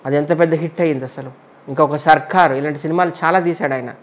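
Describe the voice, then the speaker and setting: Blunt man giving quick verdicts. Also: on the high side, steady tone. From Andhra Pradesh. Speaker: interviewee, entertainer. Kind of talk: casual interview chat.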